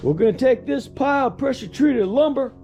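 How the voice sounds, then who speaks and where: A man's voice: extremely high pitch, animated, a little fast, warm tone, soft background music. A man hosting a casual on-site how-to, talking loosely as he works in a backyard and often saying "pretty much" and "okay?". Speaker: contractor host. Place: outdoor backyard work site.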